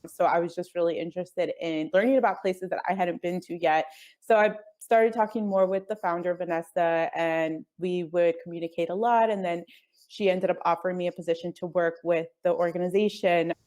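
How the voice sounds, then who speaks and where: A woman with a lowish, steady voice speaks briskly as a guest on a call in a casual interview chat. She's from the United States, grew up with Spanish as her first language, and comes across as earnest and easygoing, with soft laughs and hedges like "I guess."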